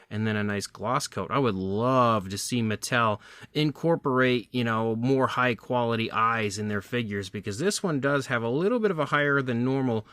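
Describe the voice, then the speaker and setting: A man's voice: medium pitch, a bit bright, no echo. A man hosting his own toy review channel, talking in an upbeat, chatty and detailed way with casual fillers.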